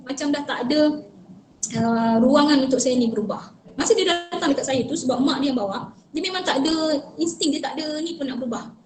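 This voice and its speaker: A woman's voice: high voice, fairly quick, a little mellow, roomy sound, slight background noise. A woman from Malaysia giving an earnest, advisory online talk to parents over a video call, mixing English phrases into her speech. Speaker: speaker on child protection.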